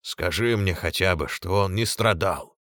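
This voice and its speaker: A man's voice: low-pitched, a little slow, fairly bright tone, dry recording, studio quality. A man reading an audiobook and voicing a feverish, self-pitying, tyrannical fat lord who raves between grief and fury. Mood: weary pleading. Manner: raving, swinging from pleading to screaming.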